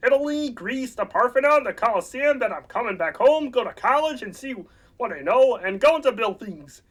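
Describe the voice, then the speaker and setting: A man voicing an eager, earnest young frog puppet in a comedic radio play, rambling and excitable, halting mid-thought. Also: very high voice, full character voice. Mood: eager, dreamy. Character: earnest, eager young male frog puppet playing a small-town dreamer.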